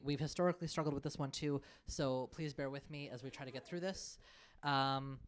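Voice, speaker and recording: A man chairing a student council session, calling on speakers and running votes in a procedural way. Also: fairly high pitch. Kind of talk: formal meeting chairing. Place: council chamber.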